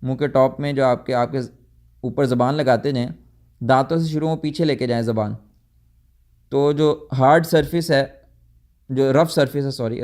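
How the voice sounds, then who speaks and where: A man's voice: mid-range voice, a little mellow. A man giving a tajweed lecture, explaining step by step, sometimes correcting himself and mixing in English words. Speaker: tajweed teacher. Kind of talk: recorded lecture.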